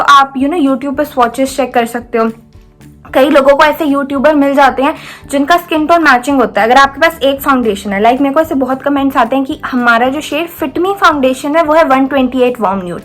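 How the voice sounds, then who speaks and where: A young woman from India talks through her makeup routine for the camera. Her voice sits high, and her manner is chatty as she explains each step and keeps checking that the viewer is following along. Faint music plays quietly under her voice. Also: fairly quick. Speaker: beauty vlogger. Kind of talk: makeup tutorial, casual Hinglish chat.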